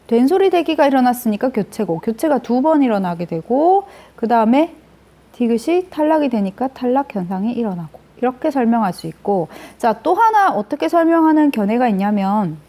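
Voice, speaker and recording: A woman teacher talks through grammar rules one step at a time in a lecture. She often asks a question and answers it herself. Her voice sits a little high but sounds soft and mellow.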